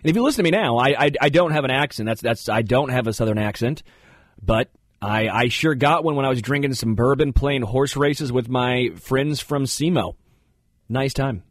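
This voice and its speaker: A man hosting a radio show from a studio, telling stories in a casual, animated way. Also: mid-range voice, moderate pace, dry recording. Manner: animated storytelling, puts on voices. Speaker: radio host. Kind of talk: casual sports radio chat. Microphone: studio mic.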